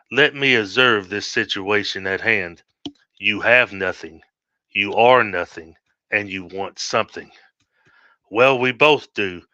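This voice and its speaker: A man voicing a sinister male demonic entity, speaking quietly, low and measured, on a dull lo-fi recording. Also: no room sound.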